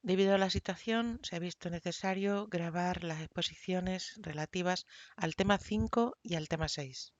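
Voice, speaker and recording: A woman university lecturer giving a recorded lesson in a measured, deliberate way, pausing and using fillers. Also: lowish voice, no room sound, dull audio.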